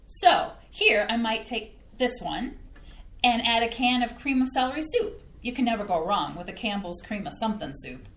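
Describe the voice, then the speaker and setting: Her voice fairly high and lively in intonation, the actress speaks at a normal pace with a slightly bright tone as a chatty Midwestern mother proud of her cooking. The staged reading takes place on a community theater stage, recorded in an echoey room with a bit of hiss or hum.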